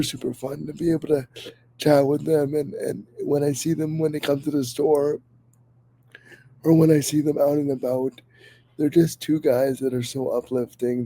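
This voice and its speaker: Over poor audio, a man with a medium-pitched, dark voice hosts a casual podcast, sounding a bit worn because he is slightly sick. He is earnest and enthusiastic, with many fillers and restarts.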